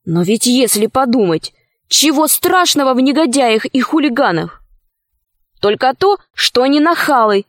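A woman doing an earnest, high-voiced girl heroine. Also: dry recording, studio quality. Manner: earnest, persuasive. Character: earnest young girl heroine, brave and firm. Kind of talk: storybook reading.

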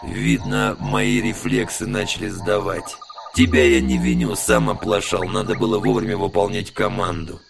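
A man doing a dying gravelly old brute. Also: fairly even intonation, normal speed. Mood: weak. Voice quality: very low gravelly croak. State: weak, dying. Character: dying fanged brutal male drill sergeant.

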